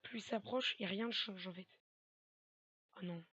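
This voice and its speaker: A woman commenting on a horror game as she plays. She talks slowly, with a bright, husky tone and a lot of swearing. The mic is dry and a little dull. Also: mid-range voice. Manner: swears a lot, panicky shouted reactions. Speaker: gamer playing a horror game. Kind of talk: let's play commentary.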